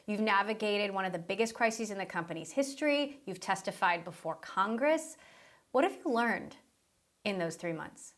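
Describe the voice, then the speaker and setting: A woman hosting a business interview, asking questions and narrating the introduction in a crisp, scripted way. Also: medium pitch, fairly bright tone. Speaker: host.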